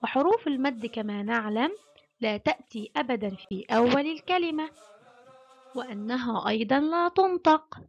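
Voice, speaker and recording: High-voiced woman teaching young children phonics. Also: lo-fi sound. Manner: slow, drawn-out syllable sounding with warm praise. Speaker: kindergarten Arabic teacher.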